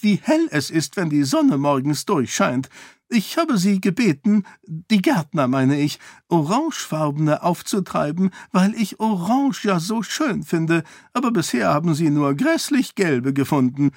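A man doing a flighty little queen who prattles without pause, her voice pitched far up and lilting with eager chatter. She rambles from one trifle to the next, in a dry, close audiobook recording. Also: big pitch swings, no room sound, full character voice. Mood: prattling. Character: chattering middle-aged queen, small and flighty.

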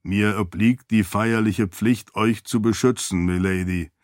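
A dutiful, formal light-spirit servant, as a man voices him in a storybook reading. He speaks low and measured, with stiff, deferential politeness. The sound is dry and close. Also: fairly even intonation, dry recording, lightly acted. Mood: firm. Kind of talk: audiobook character voice.

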